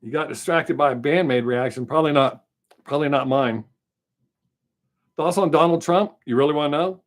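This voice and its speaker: A man's voice: a little high, moderate pace. A middle-aged American man with a Southern drawl, hosting a casual live stream and rambling frankly through viewer questions with some swearing. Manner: rambling, chatty, frank and profane. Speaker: livestream host answering chat.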